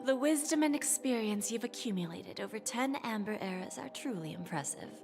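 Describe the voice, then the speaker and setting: A woman voicing a poised, courteous corporate negotiator in a video game, composed, polite and measured. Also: a little high, lively intonation. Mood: cool, composed. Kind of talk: video game story acting. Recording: long reverb, music behind.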